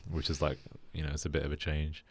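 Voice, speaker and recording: A young British man hosting a casual podcast chat, relaxed and flat in delivery with lots of fillers. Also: rumbling low, fast talker, no room sound. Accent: British English. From Britain. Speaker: podcast host.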